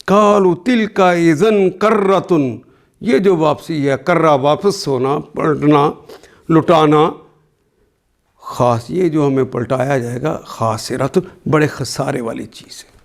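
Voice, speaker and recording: A man teaching a word-by-word Quran translation, reciting each verse slowly and then explaining every word in plain, patient teaching. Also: a little high, vocal fry. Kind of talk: word-by-word scripture lesson.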